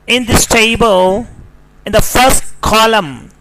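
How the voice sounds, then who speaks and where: A man with a Pakistani English accent teaching a slow, deliberate pronunciation lesson, spelling words out letter by letter. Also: high-pitched, fairly bright tone, slight background noise, poor audio.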